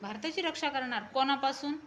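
A woman teacher talks with young pupils in a school classroom. She keeps coaxing and repeating her questions, asking them to speak louder. Her voice sits high, and the room is full of classroom noise behind her. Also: fairly quick. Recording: noisy classroom ambience.

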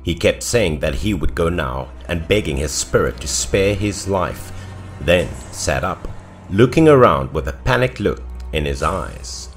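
A man's voice: lively intonation, measured pace, soft background music. A man narrating a horror story in a scripted, dramatic storytelling manner. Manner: dramatic storytelling with swings in pitch and loudness.

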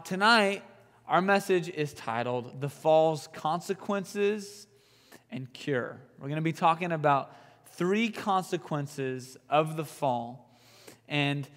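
A young man preaching a youth sermon, an animated storyteller who jokes and uses fillers. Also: a little high, slow pace, long reverb tail. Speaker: youth pastor. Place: youth group room.

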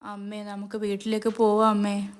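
A woman's voice: mid-range voice, monotone, moderate pace, close to an everyday voice. A woman voicing a frightened, stubborn little girl in a spoken serial recap. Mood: scared.

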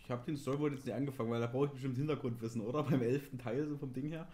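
A man's voice: medium pitch, steady tone, very fast, dark tone. A man chatting casually on a podcast, teasing his friends and laughing often. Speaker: podcast co-host. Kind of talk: casual chat.

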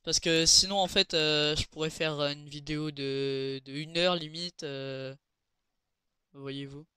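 A man talks through his game in a casual, chatty way, stumbling over fillers and restarting his sentences. His voice is bright and very clean, a touch high for a man. It is recorded close and dry, with no room sound. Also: steady tone, slow, clean tone, dry recording. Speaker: gaming channel host. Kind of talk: casual gameplay commentary.

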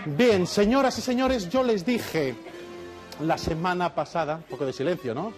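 Mock-pompous man doing stand-up. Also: moderate pace. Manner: mock-pompous, teasing the audience, acts out joke characters with sudden high voices. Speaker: stand-up comedian on a TV game show. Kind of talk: stand-up routine with a mock-lecturing tone. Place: television studio before a live audience. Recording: TV studio with loud crowd and music. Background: audience laughter and applause, music.

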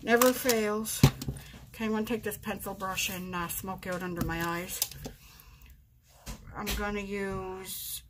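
Narrating each makeup step on camera from her bedroom, a vlogger in her forties chats casually and pokes fun at herself. Her mid-range voice stays fairly even and a little slow, pausing often, with background noise in the clip.

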